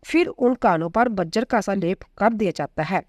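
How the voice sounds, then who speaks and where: A woman's voice: mid-range voice, dry recording. Woman reciting scripture in a dry voice. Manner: steady measured recitation, listing names one by one. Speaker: scripture reader. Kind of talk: devotional scripture reading.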